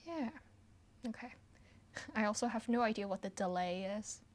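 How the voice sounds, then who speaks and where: A woman from Hong Kong, a pianist hosting a relaxed livestream Q&A from her apartment, who chats easily and trails off with ums and soft laughs. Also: mid-range voice, normal speed. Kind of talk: casual livestream Q&A chat. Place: her apartment, at home with her piano.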